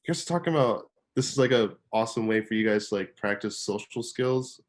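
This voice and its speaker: Young male guest, low soft monotone, casual podcast talk. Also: brisk. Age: young adult. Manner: soft-spoken, self-described monotone. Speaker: guest photographer.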